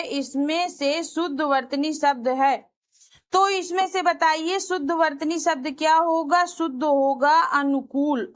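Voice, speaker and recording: A woman's voice: sits high, a bit bright. A woman teaching, working through exam practice questions one by one and repeating each answer as she explains it. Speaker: Hindi teacher.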